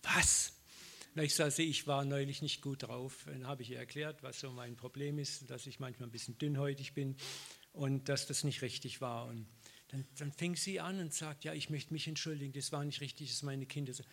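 A middle-aged man preaches a sermon built on personal stories, acting out dialogue and laughing often. His gravelly, medium-pitched voice moves briskly and with lively storytelling energy.

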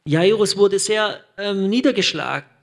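A man's voice: high-pitched, unhurried, creaky. A man interpreting a sermon line by line, mirroring the preacher's delivery with some hesitations and self-corrections.

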